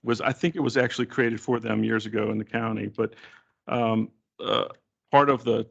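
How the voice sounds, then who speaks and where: A man's voice: lowish voice, steady tone, moderate pace, gravelly, a bit bright, lo-fi sound. A man presenting as a developer at a public meeting, hesitant and repeating words.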